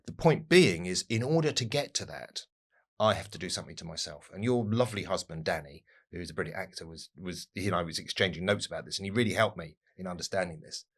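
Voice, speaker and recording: A man guest on a podcast, telling a story in a casual, slow-building way. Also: sits low, animated, husky.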